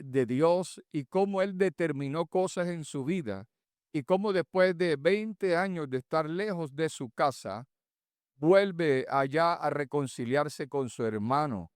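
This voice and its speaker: A man's voice: a little high, smooth, dry recording, studio quality. Male pastor, clean resonant voice, church sermon, rhetorical and emphatic. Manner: emphatic, rhetorical questions, slows on key points.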